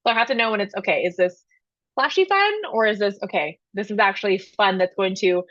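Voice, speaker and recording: A woman's voice: medium pitch, animated, a little fast, fairly bright tone, dry recording, muffled recording. A young adult woman and business owner, a podcast guest speaking candidly and reflectively, thinking aloud in quoted inner monologue. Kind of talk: casual podcast conversation.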